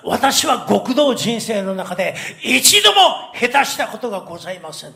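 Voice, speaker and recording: A man voicing a polite, calm older yakuza boss who speaks formally and boasts quietly. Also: high voice, normal speed, vocal fry, full character voice.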